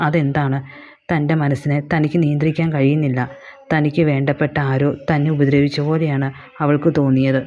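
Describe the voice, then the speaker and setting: A woman narrating a short story in a slow, even reading. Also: low-pitched, muffled recording.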